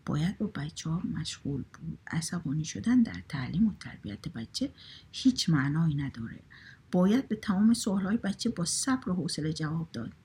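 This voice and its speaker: A woman's voice: mid-range voice, vocal fry, husky, heavily acted. A woman voicing a grown man who tries to stay patient with a child but keeps getting exasperated. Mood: forced calm. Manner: exasperated, forcing calm. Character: patient man losing his temper with a child.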